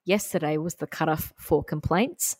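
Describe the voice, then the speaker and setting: A woman with an Australian accent co-hosts a podcast, telling a story in a chatty, giggly way. Her voice sits fairly low. The recording is dry and close, with no room sound. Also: moderate pace, a little mellow, husky, dry recording. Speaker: podcast co-host. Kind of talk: casual chat.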